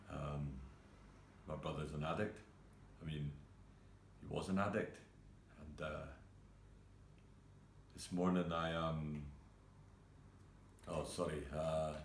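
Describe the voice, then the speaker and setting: An actor playing a grieving young male cook who talks in a halting, hesitant way full of fillers. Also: very deep voice, echoey room, slight background noise, full character voice. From Scotland. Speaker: actor performing a monologue. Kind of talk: self-tape monologue.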